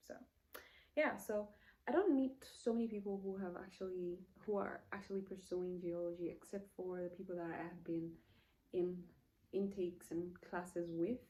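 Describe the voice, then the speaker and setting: A lowish, slightly mellow voice comes through poor audio from a Zambian woman in her late twenties. She's filming a casual get-to-know-me vlog in an indoor room, rambling and self-correcting with many fillers while noting how hot she feels.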